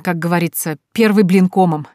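A smug young charmer talks in a wheedling, needling way, read by a woman narrator. The voice sits low, and the recording is dry and close, with no room sound. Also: a little fast, no room sound, close to an everyday voice. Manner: wheedling, then bitter and shouting.

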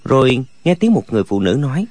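A man reading a martial-arts novel aloud as a narrator, with expressive storytelling. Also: mid-range voice, quick pace, no echo. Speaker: audiobook narrator. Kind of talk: scripted narration.

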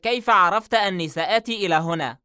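A man's voice: fast, bright, forceful tone, smooth. A man reading an audiobook novel, voicing an anxious young man who is frightened and on edge. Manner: tense and uneasy, raised pitch. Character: nervous, anxious young man under pressure.

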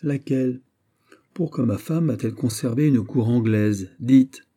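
A man's voice: medium pitch, measured pace, dark tone, close to an everyday voice. A man voicing a jealous, indignant young French prince in an audiobook, heated and insistent. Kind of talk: audiobook character voice.

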